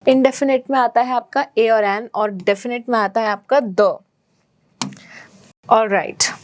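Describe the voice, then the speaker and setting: A woman's voice: on the high side, dry recording. A woman teaching a grammar lesson to schoolchildren, switching between English and Hindi and checking in with her students often. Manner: slow careful English, quicker Hindi explanations.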